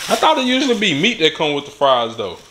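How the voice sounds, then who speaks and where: A man's voice: fairly high pitch, sing-song, fast, pushed and bright, echoey room, a little hiss or hum. A young man hosting a casual vlog from a living room sofa, laid-back but hyping up his viewers. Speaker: vlog host.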